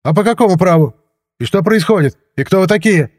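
A man voicing a hysterical middle-aged restaurant director, shrill, excited and flustered. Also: moderate pace, slightly rough. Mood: shrill, agitated.

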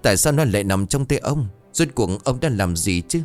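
A man voicing a young man in anguish, shouting broken, desperate questions in a ghost story. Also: fairly low pitch, animated, moderate pace, faint music behind, lightly acted.

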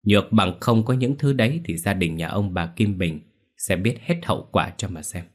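A man's voice: low voice, moderate pace. A man voicing a crude, cocky village exorcist who barks orders and curses. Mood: instructing. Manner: brusque, cursing, barking orders.

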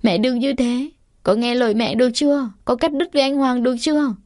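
A woman reader voicing a heartbroken young woman who speaks quietly and holds back tears. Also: high-pitched, fairly even intonation, brisk, dry recording, studio quality, pitched above the performer's own voice, natural voice. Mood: desperate.

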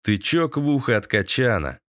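A man narrating an audiobook in a steady, dramatic reading. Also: medium pitch, normal speed, noisy background. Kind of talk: scripted narration.

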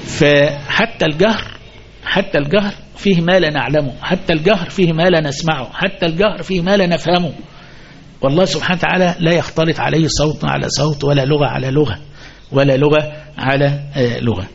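A man's voice: fairly high pitch, quick pace, vocal fry, dull audio, a little hiss or hum. A man with an Egyptian accent giving a mosque lesson, asking the listeners questions and repeating his key points. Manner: asks the audience questions and repeats key phrases. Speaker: sheikh teaching hadith commentary.

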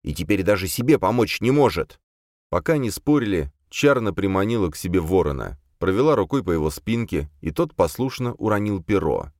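A man reading a fantasy novel aloud with expressive storytelling. His voice is deep and lively in its rises and falls. The sound is dry and close. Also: a little fast, no echo. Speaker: audiobook narrator. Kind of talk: scripted fantasy narration.

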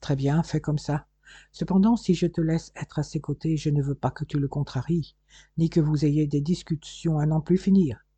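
A man's voice: on the high side, fairly even intonation, moderate pace, mellow, husky, no echo. A man voicing a bossy older male doctor in an audiobook, firm and commanding.

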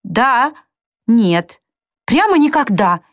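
A woman voicing a distraught young woman who pleads in a high, breaking voice. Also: big pitch swings, slow. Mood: pained.

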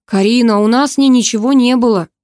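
A woman's voice: a little high, quick pace, darkish tone, dry recording, voice pushed up, lightly acted. Audiobook: woman doing an insistent young man, firm, pleading, dry studio sound. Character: young man, cold, then pleading ex-lover.

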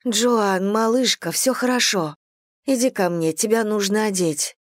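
A woman's voice: mid-range voice, measured pace, no room sound, studio quality, pitched above the performer's own voice, close to an everyday voice. A woman voicing an anxious noble sister. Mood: pleading. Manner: anxious, pleading and stern by turns. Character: higher-voiced caring noblewoman, the husband's sister.

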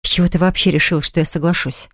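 A woman's voice: lowish voice, steady tone, fast, fairly bright tone, dry recording. A stern young mother speaks in clipped, cold phrases, firm and resentful, voiced by a woman reading an audiobook. The sound is dry and close, with no room around it. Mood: indignant. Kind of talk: audiobook dialogue.

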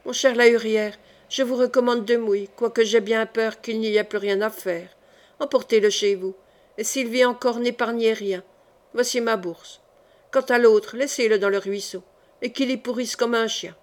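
A desperate young king on the run, voiced by a woman reader, speaking in urgent, grief-stricken bursts. The voice sits somewhat high. It is a storybook audiobook reading. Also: steady tone, moderate pace, lightly acted.

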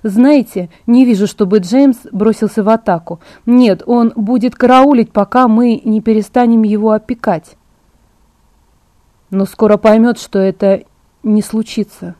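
Woman reading as calm young vampire woman, measured, mellow, dry close sound. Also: fairly high pitch, no room sound, natural voice. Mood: thoughtful.

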